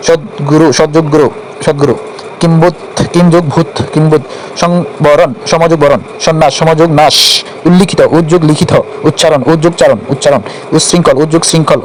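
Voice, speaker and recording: A man's voice: fairly high pitch, a little hiss or hum, low-quality recording. A man teaching as he recites a long list of grammar examples for exam prep, listing them one after another and now and then stumbling and restarting. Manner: rapid rote listing with small slips.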